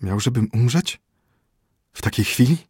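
A man's voice: medium pitch, expressive, moderate pace, darkish tone, slightly rough, no echo, clean studio sound. A man voicing a dying young prince, pleading. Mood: urgent. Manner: pleading, urgent questions. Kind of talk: audiobook character voice.

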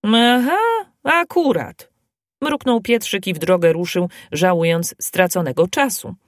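A woman reading a fairy tale aloud in a slow, even storytelling manner. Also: lowish voice, no echo, clean studio sound.

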